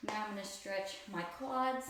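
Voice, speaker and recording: A woman's voice: medium pitch, a little slow, background noise. A woman casually talking through an exercise routine as its host, in an informal, chatty, self-deprecating way. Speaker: host of a stretching routine video. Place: echoey room indoors. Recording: very echoey, reverberant room.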